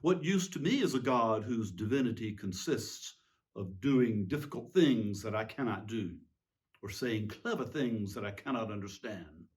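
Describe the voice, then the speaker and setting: A man playing a petulant, self-justifying tyrant king in a theatrical, pompous, indignant monologue with emphatic pauses. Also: lowish voice, animated, darkish tone, close to an everyday voice. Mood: demanding, petulant. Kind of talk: theatrical dramatic monologue reading.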